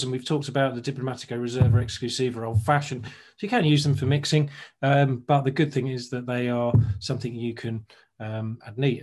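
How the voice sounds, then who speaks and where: Relaxed man co-hosting a drinks chat. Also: mid-range voice. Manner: relaxed, informal, stumbles over foreign names. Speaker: podcast co-host. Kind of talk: casual chat about drinks tasting.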